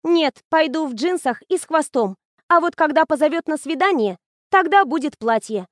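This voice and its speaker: A woman reading the lines of a lively young woman student who teases her friend in an audiobook. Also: high-pitched, moderate pace, no echo, studio quality, voice pushed up. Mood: chatty. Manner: bubbly, teasing, animated.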